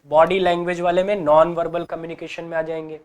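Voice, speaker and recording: Man, exam-prep teacher, high-pitched voice, rhetorical questions, acted-out examples. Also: little pitch movement, a little fast, clean tone.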